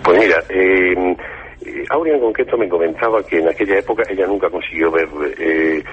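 A man, a guest author on a radio talk show, recounting events slowly with frequent hesitations, speaking. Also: low-pitched, breathy edge. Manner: slow, measured recounting with hesitations. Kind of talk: radio interview, storytelling. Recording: lo-fi phone-like radio line.

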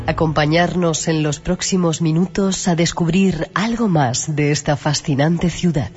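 A man's voice: fairly high pitch, a little slow. Male documentary narrator over music. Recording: dull sound with music bed.

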